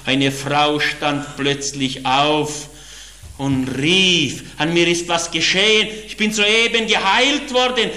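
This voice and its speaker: Fervent preacher, man, bright voice, echoey hall. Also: on the high side. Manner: fervent, swings from soft to loud exclamations. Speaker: evangelist preacher. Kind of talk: sermon with anecdotes.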